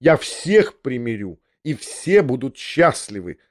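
A man's voice: medium pitch, very animated, takes it slowly, dry recording, studio quality. A man reading an audiobook, voicing an impetuous young man who speaks in earnest, insistent exclamations. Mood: passionate.

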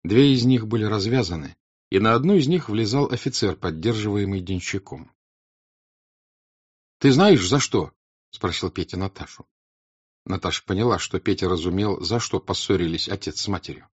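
A man with a husky voice narrating a novel in a scripted reading. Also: on the low side, expressive, fairly quick. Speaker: audiobook narrator. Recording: slightly dull, dry recording.

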